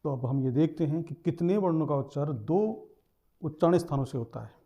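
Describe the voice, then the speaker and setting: A man's voice: fairly high pitch, a little fast, dark tone, dull audio. A man teaching a lesson, explaining step by step, repeating terms and sounding out letters.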